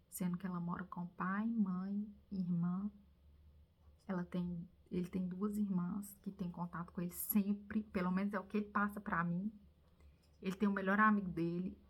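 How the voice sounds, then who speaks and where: A Brazilian woman vlogging, telling viewers a personal story in an animated, confiding way that now and then drops to a whisper. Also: fairly low pitch. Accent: Brazilian Portuguese.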